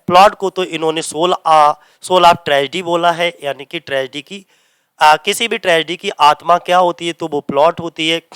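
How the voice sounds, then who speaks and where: A man teaching English literature for exams in mixed with English, asking his students questions and answering them himself, and reading English lines slowly before explaining them. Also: fairly high pitch, fairly bright tone, clear, resonant tone, no room sound. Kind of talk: exam-prep lecture in Hindi mixed with English. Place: coaching centre classroom.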